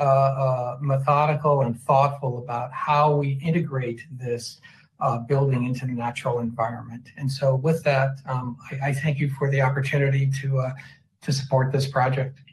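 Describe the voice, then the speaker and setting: A man speaks in support of a project at a public hearing. His voice is ordinary and mid-pitched. He pads his points with fillers and speeds up through the details. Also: rough recording. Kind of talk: public testimony.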